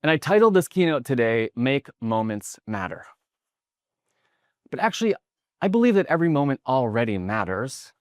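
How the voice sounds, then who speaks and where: A man in his thirties from the New York area, giving a motivational keynote in a large conference hall as an energetic storyteller whose voice rises when he gets excited. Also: mid-range voice, moderate pace, clean studio sound. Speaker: keynote speaker.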